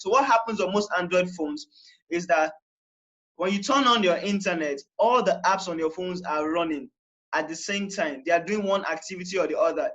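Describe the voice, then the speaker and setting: A man's voice: high-pitched, fairly bright tone, lo-fi sound. Chatty young man explaining phone settings. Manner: chatty, repeats phrases, frequent "all right". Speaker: tech tutorial host. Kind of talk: casual how-to explanation.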